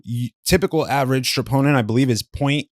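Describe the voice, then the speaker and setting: Guy, mid-pitched, dry close mic, candid and slangy storyteller for a podcast interview. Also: fast, dry recording. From Southern California. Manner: candid, slangy, animated storytelling with frequent swearing. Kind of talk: casual personal storytelling.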